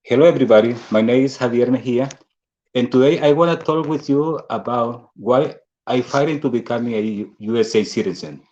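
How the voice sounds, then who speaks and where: A man's voice: mid-range voice, darkish tone. Salvadoran guy in his 40s, earnest broken english, muffled lo-fi sound. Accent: Salvadoran Spanish. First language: Spanish. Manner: halting, earnest non-native English. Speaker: speaker at a fundraising dinner. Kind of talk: prepared personal speech. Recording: dull lo-fi audio.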